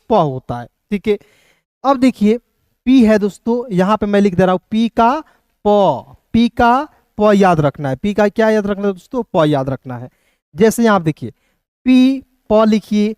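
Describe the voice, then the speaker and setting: In a classroom-style lesson, a man goes over English spelling rules, slowly drilling letters one by one and repeatedly asking viewers whether it's "clear?" His voice is high-set with a darkish tone. The sound is clean and studio-like with no room echo, though he's in a hot room with a fan running.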